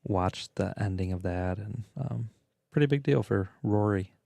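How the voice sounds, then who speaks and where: A middle-aged man with a low, gravelly voice chats loosely as a dad co-hosting a sports podcast. He is playful and easygoing, tossing in asides and fillers. The sound is close and dry. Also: unhurried, mellow, no echo. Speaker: podcast co-host and father. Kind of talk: casual chat.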